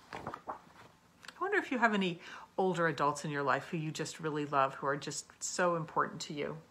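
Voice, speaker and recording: A woman who used to be a teacher hosts a children's storytime, reading aloud and adding asides and questions for her young listeners as she explains things expressively. Her deep voice is expressive, fairly quick, and fairly bright in tone, with a little hiss or hum in the audio.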